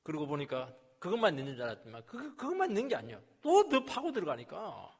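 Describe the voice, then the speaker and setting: A male pastor preaching a sermon, dropping to quiet asides and then rising to loud, emphatic passages, and acting out the complaints and rebukes he quotes. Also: fairly high pitch, wildly swooping pitch, fast talker, slightly rough. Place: church sanctuary. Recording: long reverb of a church hall.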